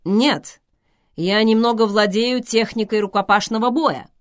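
A woman's voice: a little high, unhurried, voice pushed up, natural voice. A woman voicing a modest, earnest young man who is a little shy.

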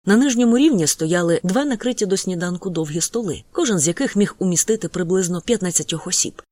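An audiobook narrator reading a first-person novel in an even, descriptive manner. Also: mid-range voice, quick pace, no echo.

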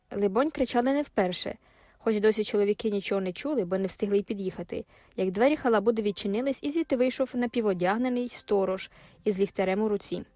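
A woman narrating an audiobook in a measured storytelling manner. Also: medium pitch, mellow, dry recording, clean studio sound. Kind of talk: scripted narration.

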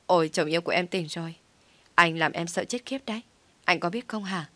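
A woman's voice: fairly low pitch, a little fast, pushed and bright, no room sound. Woman reading as a hot-tempered young wife. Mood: relieved.

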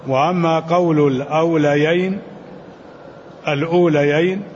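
رجل مسن يشرح درسًا علميًا بتأنٍّ. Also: male voice, fairly high pitch, fairly even intonation, a little mellow, long reverb tail. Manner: measured, reads quoted texts in a chanting lilt. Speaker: sheikh teaching a commentary. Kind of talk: scholarly lesson, reading and explaining texts. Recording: dull, lo-fi recording with faint noise.

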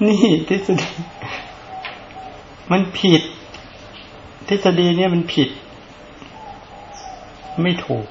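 A man's voice: high voice, fairly even intonation, drawn-out words, long pauses, highs cut off, a little hiss or hum. A male Buddhist monk giving a casual dharma talk, talking conversationally and often asking rhetorical questions.

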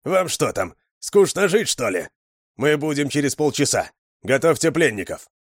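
Чтец изображает раздражённый голос из рации. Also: male voice, fairly high pitch, very animated, moderate pace, dry recording, studio quality, voice pushed up. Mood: exasperated. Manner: exasperated barking. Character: irritable male voice over a radio.

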